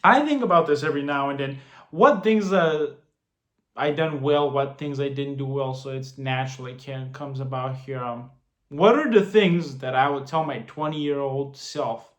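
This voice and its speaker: A finance vlogger in his late twenties, with a mid-range voice and moderate pace, gives casual money advice straight to the camera in a roomy, echoing space. He comes across as earnest and tends to repeat and restart phrases.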